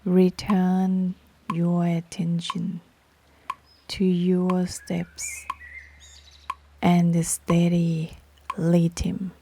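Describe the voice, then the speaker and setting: A woman leading a guided meditation in short, sparse phrases with long pauses, her voice soft, breathy and partly whispery. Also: lowish voice, monotone, slight background noise. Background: metronome clicks.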